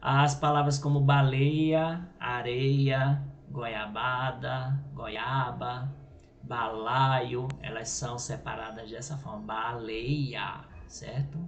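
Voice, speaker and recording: A man's voice: mid-range voice, fairly even intonation, slow pace, lo-fi sound. A Brazilian man teaching a grammar lesson, explaining step by step and checking in with "right?" and "ok?". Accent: Brazilian Portuguese. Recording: echoey room with faint noise.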